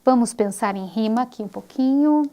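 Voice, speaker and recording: A woman's voice: fairly high pitch, normal speed, dark tone. Didactic Brazilian woman teaching online. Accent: Brazilian Portuguese. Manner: clear, didactic, stretches example words. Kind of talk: video lecture for teachers.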